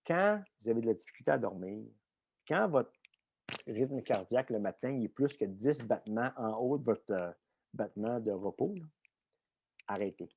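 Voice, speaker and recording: A middle-aged man with a Québécois French accent, telling a lively anecdote in a podcast interview, full of fillers and swearing. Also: medium pitch, moderate pace, slightly rough. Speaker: guest coach and former Olympian. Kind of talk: casual storytelling in a podcast interview.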